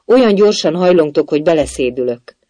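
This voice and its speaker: A narrator voicing a furious, bossy storybook queen who shouts her orders. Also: mid-range voice, very animated, dry recording.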